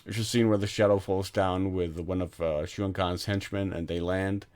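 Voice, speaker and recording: Speaking at a moderate pace, this co-host of a film podcast wanders through retellings of movie scenes, breaking into laughs and frequent restarts. His low voice is steady and somewhat dark.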